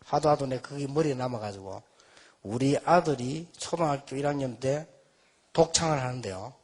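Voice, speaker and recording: A man's voice: mid-range voice, moderate pace, a little mellow. A man in his fifties preaching a sermon, telling folksy childhood stories with self-mocking humor. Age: 50s. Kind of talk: storytelling sermon.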